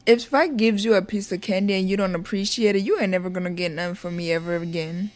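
A woman's voice: mid-range voice, steady tone, quick pace, no room sound. A woman co-hosting a casual podcast, blunt and sassy. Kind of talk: casual chat.

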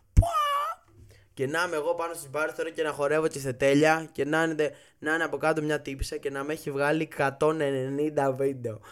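A man recounting a funny trip story in a loose, casual way. He swears freely and acts out the dialogue with lively bursts. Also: medium pitch. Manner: profane, animated, acts out dialogue. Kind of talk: casual comic anecdote.

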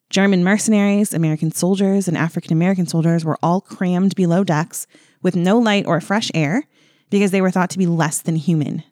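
A woman with a lowish, slightly mellow voice co-hosts a podcast, recorded dry with clean studio sound. She tells a history story casually, full of fillers and wry asides.

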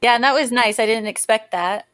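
A woman's voice: on the high side, a little fast, fairly bright tone. A woman co-hosting a casual book discussion, agreeing often and laughing easily. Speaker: podcast co-host.

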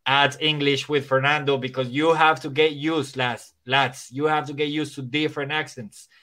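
An English teacher whose first language is Spanish chats casually on a podcast, his English Spanish-accented with some Irish and American touches. His voice is on the high side, sharp, and flat in delivery at normal speed, and he rambles with many restarts and fillers.

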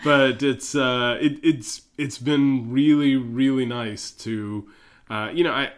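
Easygoing pastor co-hosting a chat. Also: male voice, mid-range voice, fairly even intonation. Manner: halting, restarts, easygoing and playful. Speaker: pastor and podcast co-host. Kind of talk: casual chat.

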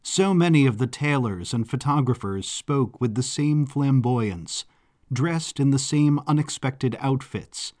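A man giving a scripted audiobook narration in a measured, expressive storytelling manner. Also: medium pitch. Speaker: narrator and author.

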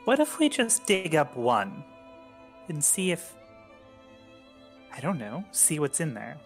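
Slow-talking, animated male player. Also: fairly high pitch, faint music behind. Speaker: player in a tabletop role-playing game. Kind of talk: casual, describing a character's actions.

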